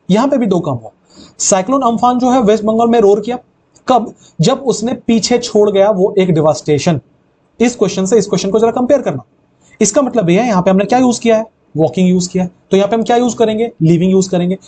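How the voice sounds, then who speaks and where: A man teaching English grammar in a live online lecture. He explains quickly in Hindi, reads the English sentences slowly, and asks questions that he answers himself. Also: high-pitched, mellow, a little hiss or hum.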